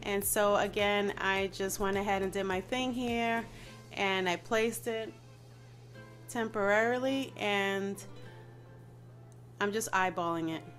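A woman hosts a homemade craft tutorial in a mid-pitched, allergy-stuffed nasal voice. She talks casually and warmly to her viewers and keeps calling them "you guys." Soft music plays faintly under her. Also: steady tone, takes it slowly, long pauses. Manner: chatty, often says "you guys". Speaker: DIY channel host.

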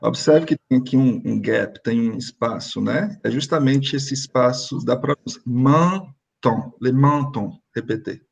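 A man's voice: medium pitch, moderate pace, creaky, hardly any pauses, darkish tone, breathy edge, muffled recording. A man teaching French online over a video call, explaining step by step and having his students repeat after him.

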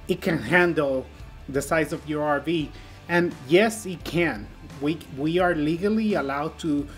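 A man giving a casual, joking product review for his RV channel, talking informally with fillers. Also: fairly high pitch.

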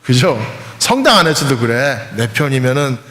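Korean priest preaching in a reverberant church. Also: male voice, medium pitch, big pitch swings, normal speed, bright, forceful tone. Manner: conversational preaching, often asks the congregation to respond. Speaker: pastor. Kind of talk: sermon. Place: large church hall. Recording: roomy church hall with long reverb, faint background hum.

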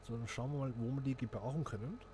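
With background noise behind him, a gaming channel host speaks quickly at a medium pitch. He chats casually to viewers and thinks aloud while playing a simulation game.

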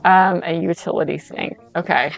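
A middle-aged woman with a low, gravelly voice chats playfully as she plays a game for the first time. She talks back to the characters on screen and pokes fun at herself, with faint game music underneath. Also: fairly even intonation, moderate pace, muffled recording. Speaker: gamer's mother playing a game. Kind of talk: casual play-along chat.

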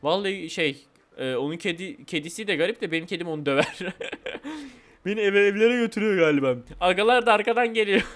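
A man hosting a gaming channel, chatting playfully and whining comically through casual game commentary. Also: sits high. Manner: playful, whiny, says "abi" and "vallahi" often.

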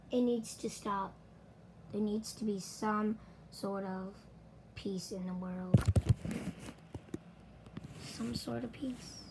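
A woman speaks slowly and heavily in a distressed apology video, sighing between pleading apologies. Her pitch sits in an ordinary middle range. A faint hiss of background noise runs under her voice. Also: vocal fry. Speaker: YouTuber.

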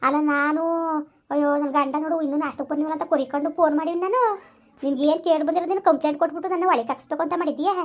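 A fiery village wife argues back and hurls curses at her husband, played by a woman. Her voice is high and shrill, and her words come out at a furious pace. It is a rural comedy sketch. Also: very fast, close to an everyday voice. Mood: cursing. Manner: argumentative, shrill, cursing. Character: fiery village wife, quick-tongued and cursing.

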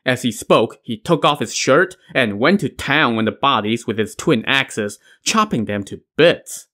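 A man's voice: mid-range voice, animated, unhurried, sharp tone. A man narrating a classic tale as a podcast host, in a wry tone with dry asides. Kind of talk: storytelling narration.

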